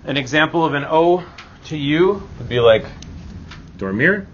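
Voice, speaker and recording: Here a man who teaches Spanish delivers a grammar lesson in a slightly high, expressive voice, speaking a bit slowly. He sounds informal and comforting, frequently pausing on quick rhetorical questions. Background noise is clearly audible over the dull, lo-fi sound.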